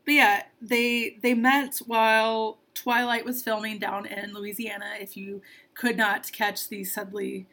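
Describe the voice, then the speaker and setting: Bright-voiced woman, dry and sarcastic. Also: mid-range voice, flat delivery, a little slow. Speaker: book club podcast co-host. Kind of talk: casual chat.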